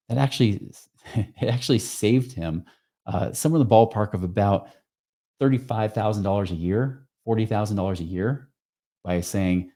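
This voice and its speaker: A man giving a casual, energetic money-coaching talk, emphatic and full of rhetorical questions. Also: fairly low pitch. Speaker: financial coach. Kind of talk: casual teaching talk to camera.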